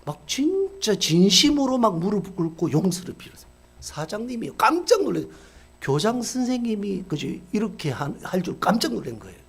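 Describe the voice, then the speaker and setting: A man's voice: moderate pace, slightly rough. A middle-aged male pastor telling a story in a sermon, acting out the people in it with sudden shifts in voice. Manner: acts out quoted characters with lively swings in pitch and loudness.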